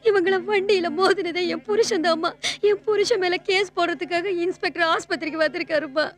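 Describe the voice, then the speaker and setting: A woman's voice: extremely high pitch, fairly quick. An actress playing a tearful wife who thanks a young woman for sparing her husband in a film. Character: tearful, grateful wife of a driver.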